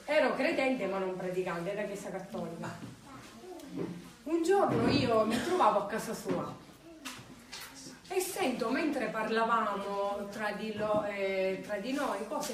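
A woman tells her faith testimony in an earnest voice of middle pitch and often acts out old conversations. She sounds a little far from the mic, in a roomy space with faint ambience behind her. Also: slight background noise. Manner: earnest, retells past dialogues. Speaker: believer giving a testimony.

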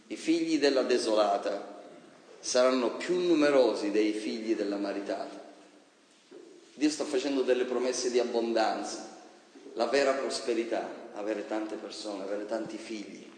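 Guy preaching in a big echoey church, gets loud then quiet, long reverb. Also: mid-range voice. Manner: dramatic, swings from soft to loud, acts out quoted voices. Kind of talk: sermon. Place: church hall.

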